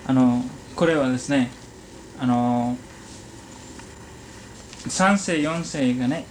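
A man conducting an oral history interview, asking polite, halting questions and giving frequent small acknowledgements. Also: medium pitch, a little mellow, a little hiss or hum, rough recording. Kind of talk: gentle question-and-answer interview.

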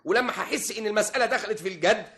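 An actor playing a boastful, penniless husband in an Egyptian radio comedy, with an Egyptian accent and a self-important, joking manner. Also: male voice, high voice, racing, fairly bright tone. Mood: self-justifying. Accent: Egyptian Arabic. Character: boastful penniless husband, comic male schemer.

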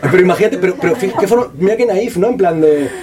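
A man, an author talking about his book at a bookshop event in fast, slangy, profane speech full of restarts. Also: sits high, animated, crowd noise. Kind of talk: casual talk at a book presentation. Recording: distant voice with faint room noise.

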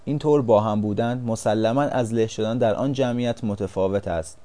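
Mellow-voiced male audiobook narrator. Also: on the low side. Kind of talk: scripted storybook narration.

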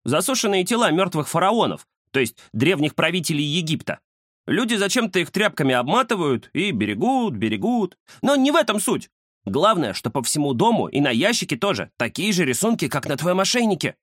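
Fussy boastful storybook tomcat, man doing the voice, high-pitched, bouncy intonation, dry sound. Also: fairly quick, no room sound. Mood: excited. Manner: excitable, fussy, know-it-all. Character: chatty boastful male house cat. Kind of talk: audiobook character voice.

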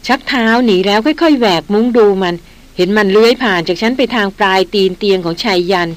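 A woman's voice: medium pitch, lively intonation, fast talker, lightly acted. A woman voicing a shaken young noblewoman in a jungle adventure audiobook, speaking with a trembling voice. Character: young noblewoman, shaken but steady huntress.

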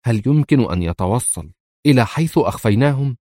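A man's voice: mid-range voice, animated, fast, mellow, no echo, studio quality, close to an everyday voice. A man voicing a tense, loyal henchwoman. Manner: tense, firm replies.

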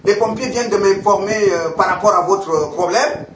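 A blunt, brusque tow-truck mechanic of middle age, as a preaching man quotes him in a story told from the pulpit. The voice is very high, far from the microphone in an echoey room with faint hiss. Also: moderate pace, close to an everyday voice.

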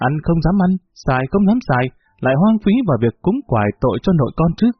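A man's voice: fairly high pitch, big pitch swings, quick pace, slightly rough, no room sound, pitched above the performer's own voice. A man doing an indignant young girl. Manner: protesting, heated. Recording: tinny phone-like, faint music.

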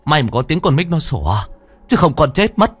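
A man's voice: fairly high pitch, very animated, fairly quick, husky, dry recording, faint music behind, voice pushed up. A man playing a stammering terrified young man. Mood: frightened. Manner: stammering, panicked.

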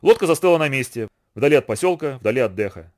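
A man reading a novel aloud in brisk, expressive scripted narration. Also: medium pitch. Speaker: audiobook reader.

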